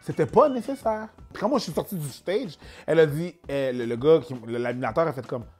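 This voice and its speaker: With soft music in the background, a young man speaks a little fast in a slightly high, husky voice. He's a Québécois comedian being interviewed, laid-back and mixing in English phrases.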